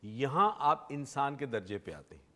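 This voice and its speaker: A man's voice: medium pitch, animated, normal speed, fairly bright tone. A man with a Pakistani Urdu accent, a doctor explaining self-esteem on a TV talk show, lecturing and giving examples. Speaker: doctor and expert guest.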